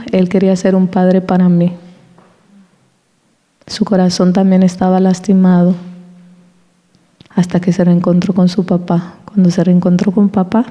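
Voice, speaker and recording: Woman, church testimony, animated storyteller, warm dark tone, long hall reverb. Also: lowish voice, lo-fi sound. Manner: animated storytelling, acting out quoted dialogue; laughs between anecdotes. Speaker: church speaker giving a testimony. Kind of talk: personal testimony in a church service.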